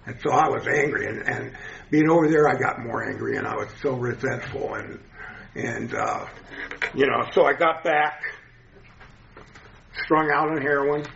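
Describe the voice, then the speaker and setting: A man's voice: mid-range voice, moderate pace, gravelly, long pauses, fairly bright tone, slight background noise. A man in his seventies with a toothless lisp, giving an informal personal testimony to a group. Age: 70s. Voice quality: lisp from missing teeth. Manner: informal, conversational. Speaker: speaker sharing a recovery story at a meeting. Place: echoey indoor meeting room. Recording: muffled, echoey meeting-room recording.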